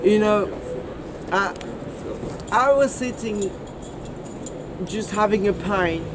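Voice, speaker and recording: A man from France chatting on the street in a rambling, halting way, repeating himself. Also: sits high. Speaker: passer-by. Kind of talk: street conversation. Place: outdoors on a city street. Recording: loud street noise, off-mic.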